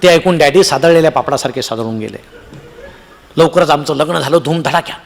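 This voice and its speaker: Man, Marathi accent, comic stage storyteller, slightly high voice, acts out characters, long hall echo. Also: brisk, gravelly. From Maharashtra, India. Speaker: humorous storyteller.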